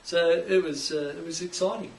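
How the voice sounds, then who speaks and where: A middle-aged Australian man with a somewhat high voice explains his craft in a relaxed, enthusiastic way. He is heard from a distance in an echoey workshop, with faint hiss in the background. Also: moderate pace. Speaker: guest, cajon maker. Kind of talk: casual interview. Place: indoors, home workshop.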